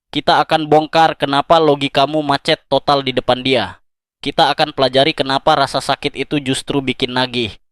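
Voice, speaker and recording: A man giving scripted motivational narration, speaking dramatically and intimately straight to the listener, with slow emphatic pauses on key words. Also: medium pitch, steady tone, a bit bright, no room sound, clean studio sound. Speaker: self-help narrator.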